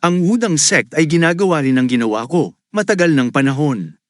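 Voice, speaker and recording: A man voicing a calm, ruthless male martial arts leader in a recap story, speaking in a measured way. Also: a little high, no room sound, clean studio sound, close to an everyday voice.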